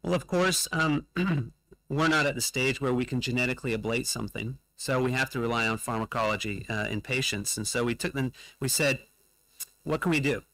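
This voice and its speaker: Gravelly-voiced male scientist giving a lecture. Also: mid-range voice, pushed and bright, dry recording, low-quality recording. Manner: measured, with frequent fillers and pauses. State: losing his voice. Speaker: conference presenter. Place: conference hall.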